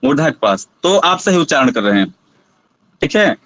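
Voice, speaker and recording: A man's voice: fairly high pitch, very animated, normal speed, fairly bright tone, a little hiss or hum, poor audio. A man teaching a Sanskrit pronunciation lesson, patiently asking students to try each sound aloud.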